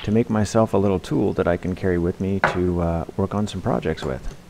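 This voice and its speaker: A man hosting a do-it-yourself channel, talking through a craft demonstration in a relaxed, practical, plain-spoken way as a close-miked voice-over. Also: low-pitched, fairly quick, gravelly, background noise. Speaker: DIY channel host. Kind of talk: casual tutorial voice-over.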